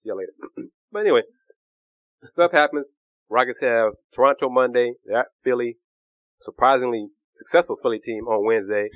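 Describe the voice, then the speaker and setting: A man hosting a casual sports podcast, hoarse with a cough, talking in a joking, laid-back way. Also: medium pitch, a little fast, pauses often, fairly bright tone, dry recording, highs cut off. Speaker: podcast host.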